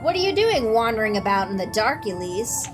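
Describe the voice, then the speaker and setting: A woman's voice: on the high side, big pitch swings, brisk, music in the background. A woman voicing stern, lecturing village men who speak in an old-fashioned way.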